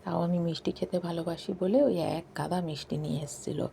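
Hushed gravelly woman narrating softly. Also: on the low side, fairly even intonation, a little fast, slight background noise. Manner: hushed, late-night talking. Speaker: vlogger. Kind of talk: softly spoken voice-over narration. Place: balcony at night.

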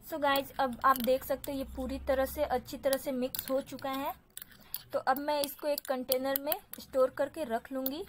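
A woman's voice: high voice, level tone, normal speed, slight background noise. A woman hosting a home beauty channel, narrating a do-it-yourself tutorial in a chatty way. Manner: chatty, repeats "so guys". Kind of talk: DIY tutorial voice-over.

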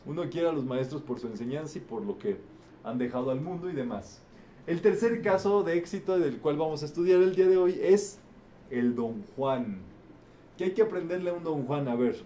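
A man leads a participatory lesson, his voice sitting a little high yet mellow and dark in tone. He asks the group questions, repeats each answer back, and caps his points with "¿verdad?". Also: lively intonation, moderate pace, a little hiss or hum. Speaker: teaching facilitator. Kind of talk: interactive group teaching talk.

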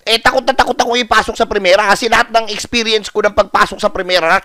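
Animated high-voiced man telling a story. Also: quick pace, very noisy. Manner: animated, acts out dialogue with repetition. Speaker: vlogger. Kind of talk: casual storytelling vlog.

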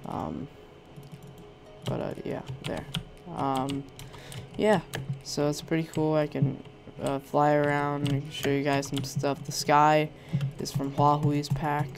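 Gravelly and on the high side, this young man speaks slowly in a level tone while music plays behind him. He's a Minecraft YouTuber with a sore throat giving casual showcase commentary on a resource pack, rambling and hesitant with many ums and restarts.

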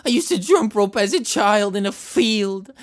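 A man's voice: high voice, animated, normal speed. An actor voicing a desperate, rambling cartoon man who pleads to be believed, repeating himself and stumbling over restarts. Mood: pleading. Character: rambling desperate man insisting on his identity. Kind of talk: animated short voice acting.

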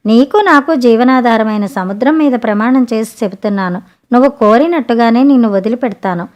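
A woman's voice: a little high, a little fast, darkish tone, highs cut off, lightly acted. A woman voicing a blunt, impatient grown fisherman in a spoken storybook, who keeps demanding answers. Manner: demanding, questioning.

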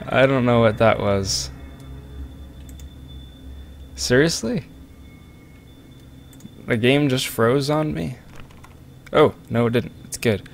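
A man's voice: mid-range voice, animated, extremely slow, gravelly, pauses often, faint music behind. A man casually commentating a game on a close microphone, joking and rambling at viewers. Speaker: let's play commentator. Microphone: close desk microphone.

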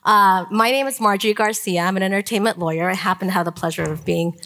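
A woman in her forties moderating a conference panel on stage, talking with many pauses and fillers. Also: medium pitch, fairly bright tone. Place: conference stage before an audience.

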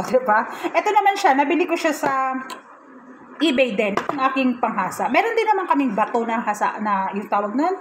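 A woman's voice: sits high, heavy background noise. A woman chatting casually in a home kitchen vlog, giggly and self-mocking. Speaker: vlogger.

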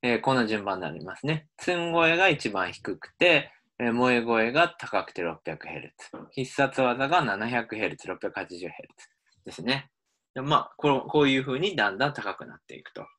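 Man explaining with a lively, varied pitch. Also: moderate pace. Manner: explanatory, frequent "um" fillers. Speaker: university linguistics lecturer. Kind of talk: recorded lecture.

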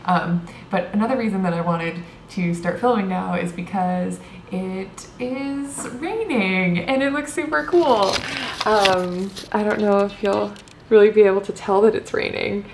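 A woman's voice: mid-range voice, measured pace. A young woman in her twenties chatting casually to a handheld camera in a small hotel room, rambling with lots of fillers and little laughs. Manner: rambling, filler-heavy, giggly. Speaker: vlogger. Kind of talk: casual vlog chat. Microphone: handheld camera close up. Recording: roomy hotel room sound, faint hiss.

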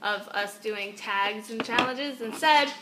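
A young woman with a high voice, talking casually and playfully to a camera at home. Her delivery is unhurried and slow-paced, over a faint layer of noise. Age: young adult. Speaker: vlogger co-hosting a challenge video. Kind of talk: casual chat. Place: home kitchen, indoors. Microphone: device camera mic at about arm's length.

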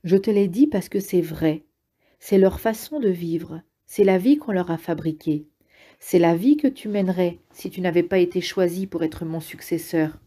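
A weary old man who guides his young successor, speaking firmly and without fuss, voiced by a woman reading an audiobook. His tone is dark and soft, and he keeps it steady. It suits a quiet, heavy scene in a storybook. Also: normal speed, natural voice. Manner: firm, low-key. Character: weary old male mentor, firm and calm.

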